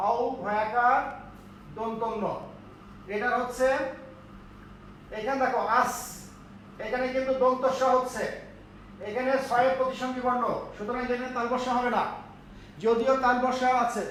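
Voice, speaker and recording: Male teacher, very high voice, patient step-by-step classroom explainer; faint room hum behind. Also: a bit bright. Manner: explains step by step, often checks understanding. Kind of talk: classroom lecture on pronunciation. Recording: echoey room, voice from far off.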